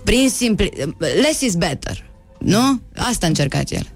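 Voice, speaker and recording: A woman's voice: medium pitch, sing-song. A woman in casual chat who keeps breaking into song lyrics and picking them apart with playful humor, with music in the background. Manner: chatty, playful, sings along and analyzes.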